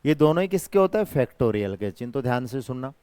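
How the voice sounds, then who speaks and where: A man's voice: medium pitch, very animated, quick pace, mellow, clean tone, dry recording. A man teaching an exam-prep math lesson, coaxing students with pet names and repeated call-and-response prompts. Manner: calls students by pet names and himself their brother.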